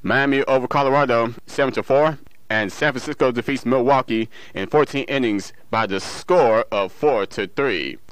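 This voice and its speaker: This man, a radio newsreader and music show DJ, works through local news, sports and weather in a studio, reading in a local broadcast style and sometimes correcting his own slips. His mid-range voice is clear and resonant at a normal speed. No echo is present, though the recording is rough.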